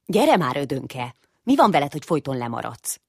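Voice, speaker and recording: A woman's voice: very deep voice, big pitch swings, vocal fry, darkish tone, breathy edge, no room sound, studio quality, exaggerated voice. Woman doing a teasing older brother mouse. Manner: teasing, grumbling. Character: sporty know-it-all older brother mouse.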